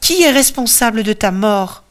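A woman's voice: a little high, expressive, moderate pace, lightly acted. A woman voicing a grieving male hero who pleads in a tearful, anguished voice. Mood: urgent.

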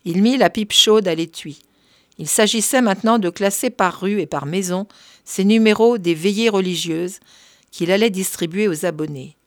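A woman narrating a story in a measured, even reading voice. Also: medium pitch, dry recording, clean studio sound. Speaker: reader.

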